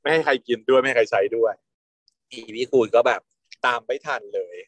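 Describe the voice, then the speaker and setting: A man recaps a drama in a loose, gossipy way, peppering his story with blunt slang and frequent laughter. His voice sits at an ordinary pitch. The recording is dry and close, with no room sound. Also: fairly quick, dry recording. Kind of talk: casual gossipy recap of a TV series.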